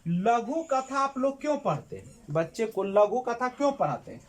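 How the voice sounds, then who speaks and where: A woman's voice: a little high, very animated, moderate pace. Questioning woman teacher. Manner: asks the class questions and answers them, repeating key words. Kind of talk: exam-prep lesson explaining Sanskrit pedagogy questions.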